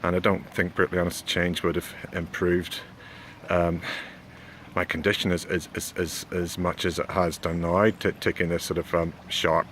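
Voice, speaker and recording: A man, talking casually and haltingly in a rambling vlog, often repeating words. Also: low voice, level tone, a bit bright. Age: 40s. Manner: hesitant, halting, with repeated words and frequent "you know". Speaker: video blogger giving a health update. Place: outdoors near a road. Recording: clear background noise, outdoors with passing traffic.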